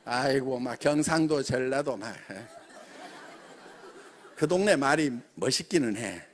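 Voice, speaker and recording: A middle-aged man from the Jeolla region gives a motivational business talk to company members, animated and full of rhetorical questions. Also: medium pitch, a little slow, a little hiss or hum. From Jeolla region, South Korea. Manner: animated, peppers speech with rhetorical questions and laughs. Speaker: company chairman addressing members.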